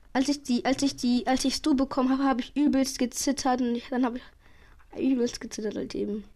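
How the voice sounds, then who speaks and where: A woman giving excitable live commentary on her own gameplay, swearing and using youth slang, sometimes dropping to a whisper. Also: high voice, normal speed, a little hiss or hum. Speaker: gaming channel host. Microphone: headset or desk mic.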